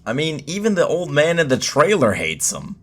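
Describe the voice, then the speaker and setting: A young man giving an opinionated gaming commentary, talking with sarcastic asides and mock excitement. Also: fairly high pitch, moderate pace, slight background noise. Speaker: gaming YouTuber.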